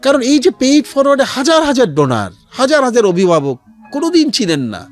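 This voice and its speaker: This radio guest, founder of a charity resale platform, has a Bangladeshi accent and a very high voice that swings hugely in pitch as he talks a little fast. Faint music plays behind him in the studio while he earnestly tells his story, peppered with English phrases.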